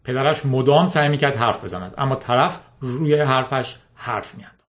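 A man narrating a story aloud in a steady, measured reading. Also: mid-range voice. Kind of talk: scripted audiobook narration.

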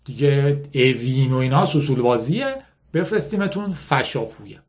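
A man's voice: medium pitch, animated, a little mellow. A man from Iran telling personal stories and reading aloud in a frank, conversational way. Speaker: storyteller.

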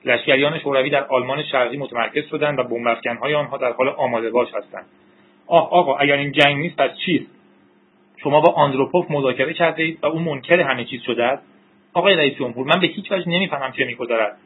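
Brief: man reading a harried general, husky and clipped, phone-thin audio. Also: medium pitch, natural voice. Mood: tense. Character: male general, tense and exasperated. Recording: tinny narrow-band recording.

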